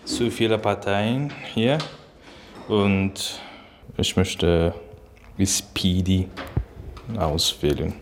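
A man from Afghanistan answering slowly, word by word. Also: sits low, slight background noise. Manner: very slow, word by word. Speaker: integration course participant.

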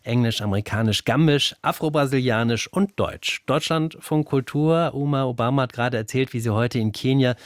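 A man hosting a radio interview, asking calm, measured questions. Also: medium pitch, dry recording, studio quality. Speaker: radio host.

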